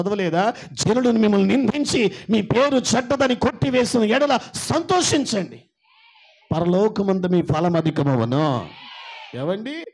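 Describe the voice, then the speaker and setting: A male pastor with an Andhra Telugu accent, preaching a sermon. He swings from soft asides to loud, emphatic shouting and asks the congregation questions. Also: high-pitched, creaky. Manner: acts out mocking relatives in a raised voice.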